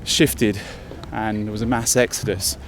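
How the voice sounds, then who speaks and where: Out on a hill walk through the city, an English travel vlogger chats and thinks aloud as he climbs, a little short of breath. His voice sits fairly low, steady in tone and a touch slow. Faint street noise can be heard around him.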